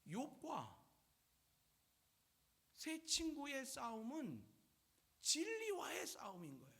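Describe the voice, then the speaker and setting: Animated high-voiced male pastor. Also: takes it slowly, gravelly. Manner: animated, conversational preaching. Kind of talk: sermon.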